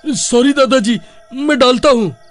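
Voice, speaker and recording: A man's voice: very high-pitched, unhurried, soft background music. A man voicing a jittery young village man in a cartoon story, panicky and slangy.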